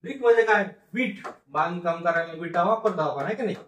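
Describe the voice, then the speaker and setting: A man's voice: sits high, expressive, fairly bright tone, lo-fi sound. Phonics teacher, male, stretches syllables and repeats words; roomy, slightly distant sound. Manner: slow, drawn-out syllable-by-syllable sounding out, repeats each word. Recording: echoey room, voice a bit far from mic.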